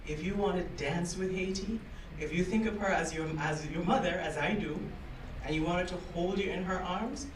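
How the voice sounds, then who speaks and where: A middle-aged woman from Barbados speaking emphatically at a panel event, mixing in French and Creole phrases. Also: lowish voice. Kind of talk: impassioned panel remarks. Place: large conference room with audience. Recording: echoey room, distant, noisy.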